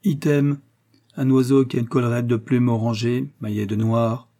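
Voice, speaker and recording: A man's voice: mid-range voice, little pitch movement, moderate pace, dark tone, close to an everyday voice. A man reading a storybook, voicing a cool, unflappable male bailiff who speaks in a formal and courteous way.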